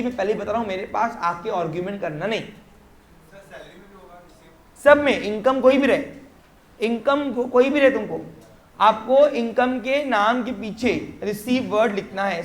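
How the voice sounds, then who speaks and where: A man teaching a commerce class in a classroom, explaining step by step and often quizzing his students with short check questions. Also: high voice. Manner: mixes English terms into Hindi explanation. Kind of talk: classroom lecture. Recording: roomy classroom echo.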